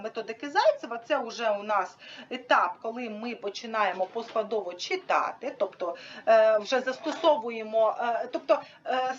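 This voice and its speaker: A woman's voice: on the high side, muffled recording, a little hiss or hum. A woman explaining a teaching method to an audience in an informal, hesitant way, with many fillers, demonstrating with props. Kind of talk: informal instructional talk.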